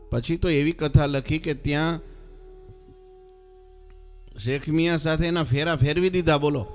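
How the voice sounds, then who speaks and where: A man who is a swami, delivers a devotional story sermon in a medium-pitched voice. He keeps drawing his listeners in with rhetorical questions. Faint devotional music plays underneath. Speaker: swami preacher.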